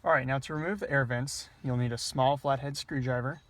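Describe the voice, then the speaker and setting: A man gives a casual, hands-on installation tutorial while working on a car's dashboard, explaining each step plainly. His mid-range voice is steady and brisk, and there's background noise in the recording.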